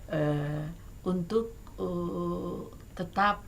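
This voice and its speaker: A middle-aged woman with an Indonesian accent, talking as a guest songwriter in a casual talk show chat, hesitant with many fillers but lively and emphatic. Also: on the low side, extremely slow, gravelly. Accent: Indonesian, Batak.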